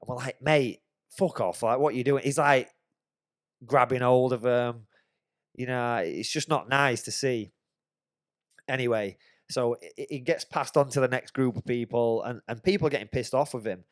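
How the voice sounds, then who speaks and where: Sweary bloke telling a story. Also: male voice, medium pitch, moderate pace, dry recording, studio quality. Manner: swears freely, animated anecdote telling. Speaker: podcast host. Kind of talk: casual chat, storytelling.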